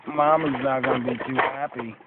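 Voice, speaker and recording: A woman's voice: rumbling low, fairly even intonation, a little slow. An older woman filming her grandchild and cheering him on in casual home-video commentary, heard through old camcorder audio. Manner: encouraging, cheering a child on. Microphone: built-in camcorder mic. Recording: tinny lo-fi camcorder with loud noise.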